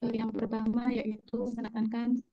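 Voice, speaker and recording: A woman taking an oral exam and giving a polite, measured presentation with a few hesitations, her voice breaking up and glitching over a video call. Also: a little high, monotone, dry recording. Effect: choppy, breaking-up video-call audio. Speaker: teacher candidate in an oral exam. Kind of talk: formal spoken presentation. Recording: dull lo-fi video-call audio, dry.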